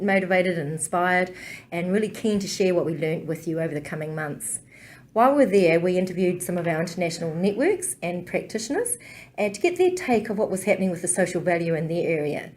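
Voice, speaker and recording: A woman's voice: fairly low pitch, darkish tone. A woman, a project coordinator introducing interviews in an upbeat, friendly way. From New Zealand. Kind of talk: presenting to camera.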